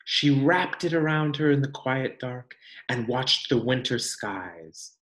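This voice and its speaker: The recording, made in an echoey space, captures a man reading a picture book to children in a teacherly style. His voice sits in the mid range, and he reads with deliberate expression, pausing to stress points and ask leading questions.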